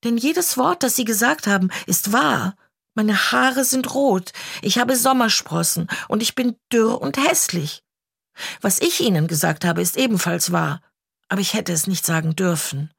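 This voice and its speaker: A woman's voice: medium pitch, measured pace, creaky, a bit bright, husky, dry recording, clean studio sound, heavily acted. A woman reading an audiobook, voicing a chatty, dramatic orphan girl in a trembling, gushing way. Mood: pleading.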